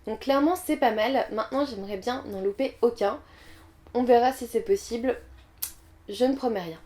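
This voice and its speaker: A woman's voice: a little high, normal speed, dark tone. A young woman vlogging about her reading goals, chatty and candid, with frequent fillers. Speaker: book vlogger. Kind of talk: casual vlog talk to camera.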